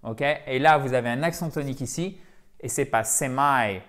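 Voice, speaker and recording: A man teaching a video lesson for French speakers, lively and repeating words to drill their pronunciation. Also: mid-range voice, fairly quick. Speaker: English teacher.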